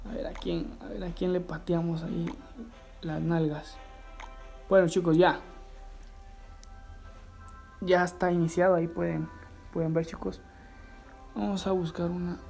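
Gaming streamer, male, excitable live-chat host reading viewer comments, loud game music behind. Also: sits high, measured pace, vocal fry, long pauses. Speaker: livestreaming gamer host.

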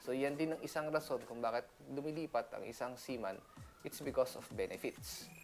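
A man's voice: medium pitch, moderate pace, vocal fry, faint music behind. A man from the Philippines, a seaman, talking casually in a chatty vlog, laughing often and mixing in English. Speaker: seaman vlogger.

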